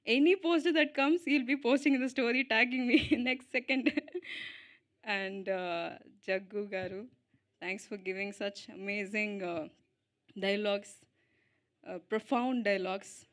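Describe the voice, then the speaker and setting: A young woman speaking at an event on stage into a mic, switching between Telugu and English, halting with fillers and little giggles, slow and heartfelt. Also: medium pitch. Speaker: lead actress giving a speech. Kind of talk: emotional stage speech at a film event.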